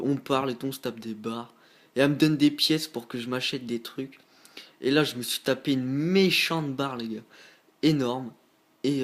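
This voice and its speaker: Teen boy from northern France, mid-pitched voice, rambling slangy vlog storyteller who talks straight to his viewers. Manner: slangy, rambling, keeps addressing viewers as guys. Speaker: vlogger.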